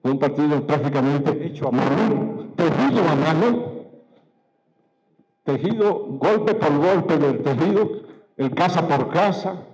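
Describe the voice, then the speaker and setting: A man giving a political speech to party members, measured and emphatic, posing rhetorical questions and repeating key phrases. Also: a little high, expressive, darkish tone, low-quality recording. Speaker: political speaker.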